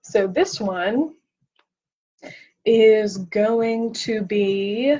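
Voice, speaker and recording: A woman hosting a casual livestream, reading philosophy aloud and chatting in a slow, self-deprecating way, a little tipsy. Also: medium pitch, warm tone. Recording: dull lo-fi stream audio.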